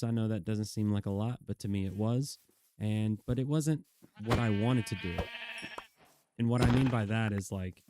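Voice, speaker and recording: A man in his thirties with a low, mellow voice, recorded dry and close. He talks in casual gameplay commentary, rambling and earnest, and he teases the animals in the game as he goes. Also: no room sound. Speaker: gaming YouTuber.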